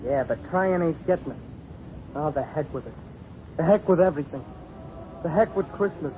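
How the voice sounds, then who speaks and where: Sullen street kid acted by a man, curt and slangy, high for a male, old radio drama, muffled and noisy. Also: animated, moderate pace, lightly acted. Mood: bitter. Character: sullen, bitter tough street boy.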